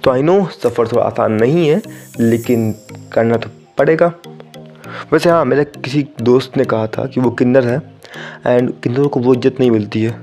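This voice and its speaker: A man's voice: medium pitch, fairly quick, darkish tone, faint music behind. A young man from India hosting a solo podcast, talking casually and directly to his listeners and slipping English phrases into his sentences. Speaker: podcast host.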